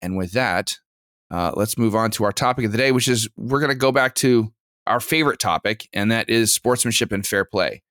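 A man hosts a casual podcast, running briskly through announcements before turning to questions for his co-host. His voice sits low. The sound is dry, with no room echo. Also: a bit bright.

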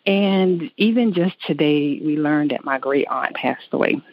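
Woman, radio show caller, very low voice, hesitant, lots of fillers, dry muffled line. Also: dry recording. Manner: hesitant, many pauses and fillers. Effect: radio show caller heard over a phone line. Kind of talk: casual call-in conversation. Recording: dry, dull phone-line sound.

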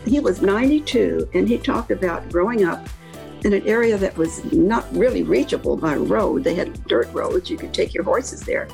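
Creaky older woman, slight Kentucky accent. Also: medium pitch, expressive, moderate pace, darkish tone, soft background music. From Kentucky, Appalachia. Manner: reflective, rambling storytelling. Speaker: interview guest, author and academic. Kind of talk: conversational anecdotes in an interview.

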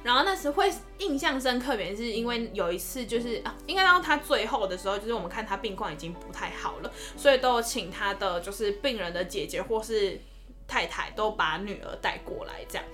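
A young adult woman, a nurse telling a story in a casual podcast chat, expressive and animated. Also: a little fast, soft background music. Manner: expressive storyteller, lively swings in pitch.

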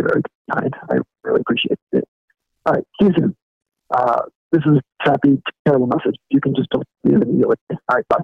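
A man's voice: medium pitch, vocal fry, no room sound. Guy's voicemail off a phone speaker, muffled like he's down a well, lots of uhs. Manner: halting, with many uhs, thankful. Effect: muffled voicemail played from a phone speaker, as if down a well. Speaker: podcast co-worker leaving a voicemail. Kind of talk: casual voicemail message.

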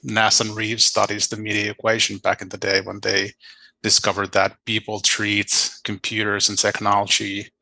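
Male panelist, low gravelly voice, flat delivery, hesitant restarts, dry sound. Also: normal speed, dry recording, poor audio. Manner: hesitant, thinking aloud with restarts. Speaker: computer science panelist. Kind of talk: panel discussion.

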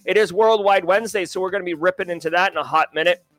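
High-voiced, energetic livestream host man. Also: quick pace, dry recording, soft background music. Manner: energetic, slangy, addresses chat directly. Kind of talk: casual livestream chat.

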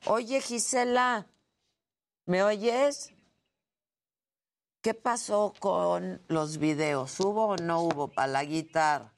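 A woman with a Mexican accent hosts a news show and chats easily with her co-hosts in a relaxed, teasing way. Her voice sits low, and she takes her time, drawing out her words. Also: slow pace, long pauses. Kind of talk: casual studio chat.

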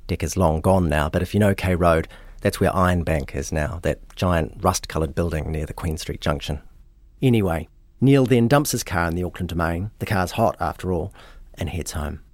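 A man, hosting and narrating a true-crime story in a measured, matter-of-fact way. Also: deep voice, no echo. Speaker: podcast host.

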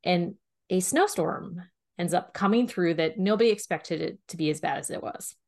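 A woman co-hosting a romance book podcast, talking in a relaxed, rambling way full of "like" and little asides. Her voice sits a bit low for a woman, and her talk is loose and unscripted. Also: moderate pace, vocal fry. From Pennsylvania, US. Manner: chatty, heavy use of "like", animated and laughing. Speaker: podcast co-host reviewing romance books. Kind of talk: casual chat.

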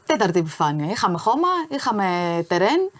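A woman sports journalist co-hosting a casual show, reading through results calmly with some hesitations. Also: mid-range voice. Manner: calm, matter-of-fact news rundown with some hesitations.

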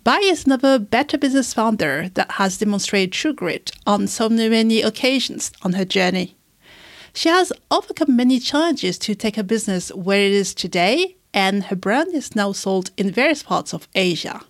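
A woman hosts a podcast interview, first reading a scripted introduction and then asking questions as an attentive, encouraging listener. Her mid-range voice has lively intonation and a moderate pace, recorded in studio quality with no room sound.

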